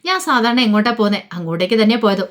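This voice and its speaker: A woman's voice: medium pitch, racing, close to an everyday voice. Veda, a woman reading a defiant young wife. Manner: sharp, defiant retorts.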